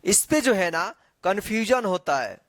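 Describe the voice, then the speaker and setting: In this online Hindi alphabet lesson, the male teacher draws out each letter slowly, pausing frequently to check on the viewer and quiz them with repeated questions. He sounds high-pitched, sing-song, and a bit bright, recorded dry.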